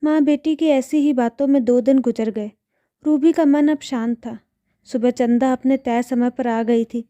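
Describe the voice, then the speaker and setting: A woman storyteller reading a scripted story aloud in a steady, expressive way. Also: high-pitched, unhurried.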